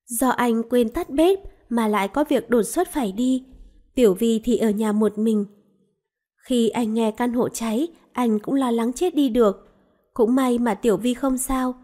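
A woman narrating a romance novel calmly and evenly. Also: fairly high pitch, unhurried. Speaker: audiobook narrator.

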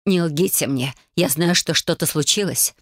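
A woman voicing a slow, anxious old-fashioned mother. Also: deep voice, no room sound, studio quality. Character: worried middle-aged mother, frail heart, anxious.

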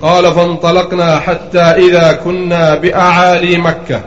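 A man with a somewhat high voice reads a classical text aloud in a measured, slightly chanted way. The recording is muffled and dull. It sits in a roomy space with plenty of echo. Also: level tone. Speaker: student reading the text aloud. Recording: lo-fi recording in an echoey room.

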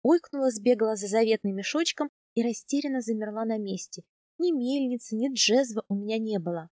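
Female first-person audiobook narrator, fairly high, lively in dialogue, dry booth sound. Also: a little fast, dry recording. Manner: expressive, animated in the heroine's dialogue.

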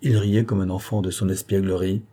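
A man reading a classic novel aloud in a calm, measured narration. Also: deep voice, husky. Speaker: audiobook narrator. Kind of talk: scripted narration.

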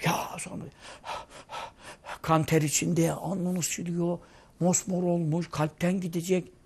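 A man's voice: a little high, flat delivery, takes it slowly, gravelly, darkish tone, slightly rough. A man giving a sermon, telling vivid stories and asking rhetorical questions. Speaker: preacher.

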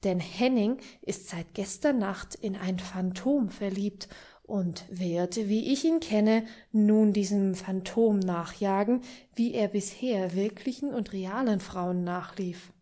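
A woman's voice: mid-range voice, takes it slowly, mellow, natural voice. A woman voicing a sardonic, practical man in an audiobook reading, dry and mocking.

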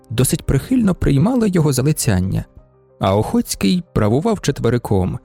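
A man narrating an audiobook in an expressive, measured way. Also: medium pitch, vocal fry. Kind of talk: scripted narration.

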